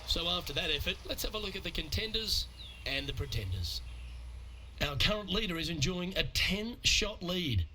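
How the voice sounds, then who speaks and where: A man working as the lead golf commentator in a sports video game, calling play in a measured, composed broadcast style. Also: high voice, sing-song, bright, forceful tone, slight background noise, full character voice. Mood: composed, approving.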